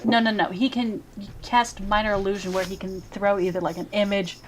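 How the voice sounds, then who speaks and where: Casting note: a female game master, patient rule-explainer, mid-pitched voice, light hiss in the background. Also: level tone, a little fast, low-quality recording. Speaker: dungeon master. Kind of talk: casual tabletop game chat.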